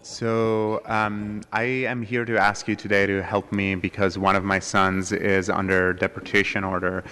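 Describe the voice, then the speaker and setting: A man interpreting a speaker's words into English at a public meeting, hesitant and halting. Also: on the low side, level tone, bright, forceful tone, slight background noise. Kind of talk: consecutive interpreting. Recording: long hall reverb.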